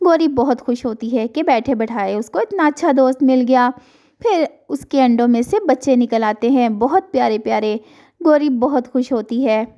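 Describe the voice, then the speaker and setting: A woman narrating a children's cartoon story in a gentle, chatty storytelling manner. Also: a little high, highs cut off. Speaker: storyteller, channel owner.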